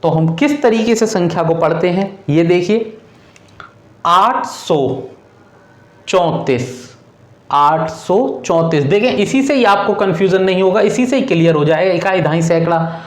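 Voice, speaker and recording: A man's voice: high-pitched, a little slow, reverberant. A male teacher who explains a math lesson to children patiently, repeating each step and calling the students "beta".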